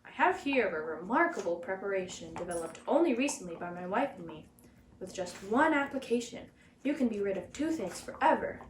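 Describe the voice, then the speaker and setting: A woman voicing a cautious male mouse dentist from a storybook, brisk, firm and authoritative. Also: mid-range voice, sing-song, roomy sound, far from the mic, close to an everyday voice, low-quality recording. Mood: businesslike.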